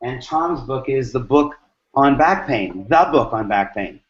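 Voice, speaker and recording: A man hosting a mastermind talk, answering questions with lively acted-out stories and emphatic repetition. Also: mid-range voice, a little slow. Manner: animated, acts out dialogue, repeats lines for emphasis. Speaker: host. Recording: dull lo-fi sound.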